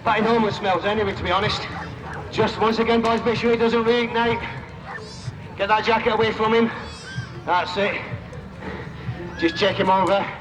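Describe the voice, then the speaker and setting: A man's voice: high-pitched, fairly even intonation, moderate pace, pauses often, long reverb tail, dull audio. A man announcing a live outdoor stunt show to a crowd, with informal, jokey patter. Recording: outdoor PA, crowd and vehicle noise. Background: crowd, vehicles and outdoor noise.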